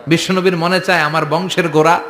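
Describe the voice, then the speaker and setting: A man's voice: fairly high pitch, flat delivery, fairly quick, fairly bright tone, echoey room. A man preaching a sermon to a large gathering, impassioned and putting questions to the crowd for answers.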